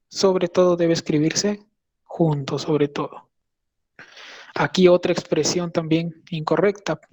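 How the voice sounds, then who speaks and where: A man's voice: a little high, a little mellow. A young man, a medical intern, giving a conversational lecture and explaining patiently while often checking in with his listeners.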